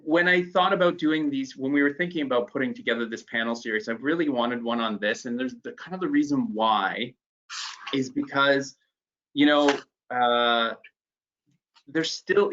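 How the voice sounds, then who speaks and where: A man's voice: mid-range voice, fairly bright tone, highs cut off. A man hosting an online panel interview, speaking hesitantly with many fillers and restarts. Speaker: panel host.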